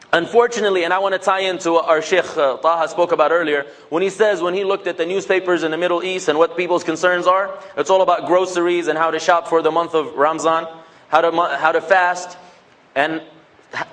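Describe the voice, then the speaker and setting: Talking to a young audience about faith, this man from the United States jokes around and performs snippets of dialogue in a chatty style. His pitch is fairly high and his tone fairly bright.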